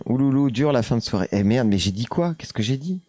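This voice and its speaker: A man's voice: mid-range voice, lively intonation, a little fast, dark tone, no echo, faint music behind. A man with a French accent hosting a casual live stream, hesitant with many fillers, reading chat comments aloud and answering them.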